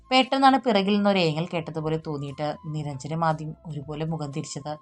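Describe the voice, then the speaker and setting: Brief: woman storyteller, low-pitched, measured, soft music underneath. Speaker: audiobook narrator. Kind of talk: scripted narration. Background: faint music.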